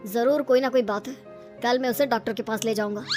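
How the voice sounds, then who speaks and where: A woman's voice: on the high side, steady tone, brisk, close to an everyday voice. A woman voicing cartoon dialogue in a plain, firm way. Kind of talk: cartoon voice acting. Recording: light background music.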